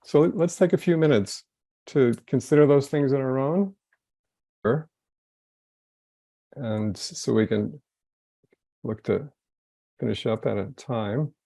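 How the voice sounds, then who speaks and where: Gravelly, dark-voiced man leading a reflection. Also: medium pitch, no echo, clean studio sound. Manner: gentle, loosely phrased, halting restarts. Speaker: wellness course leader. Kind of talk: guiding a group reflection session.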